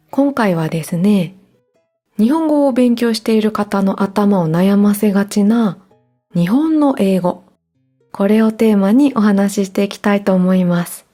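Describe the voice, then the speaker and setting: A woman hosts a learning podcast in a mellow, warm voice. She explains things clearly and gently in a calm, scripted way. Faint guitar music plays under her. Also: medium pitch. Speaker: podcast host.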